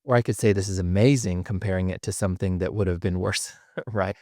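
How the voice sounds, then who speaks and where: A man's voice: deep voice, steady tone, fast talker, a little mellow, no echo, clean studio sound. A man hosting a podcast, explaining ideas in a thoughtful, conversational way with frequent restarts. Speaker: podcast host.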